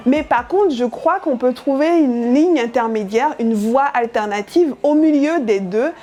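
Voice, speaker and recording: Over soft background music, a young adult woman with a high, mellow voice speaks unhurriedly about her journalism. Yoruba is her first language, and as an editorial project lead she sounds earnest and thoughtful, often using hesitant fillers.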